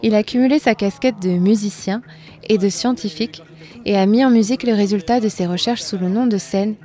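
A woman host giving measured, scripted narration. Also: mid-range voice, dark tone. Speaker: radio host.

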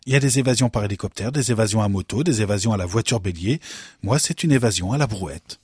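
A deadpan, matter-of-fact man, voiced by a male storyteller, in a radio story. The voice is husky, low and dry. It sounds close to the mic. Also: fast talker, no echo. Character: deadpan male prison intruder with a wheelbarrow.

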